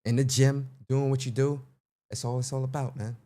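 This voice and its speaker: A young man hosts a casual livestream and talks straight to his chat. He is playful and animated, loud and high when teasing, low and quiet in his asides. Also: moderate pace. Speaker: livestream host.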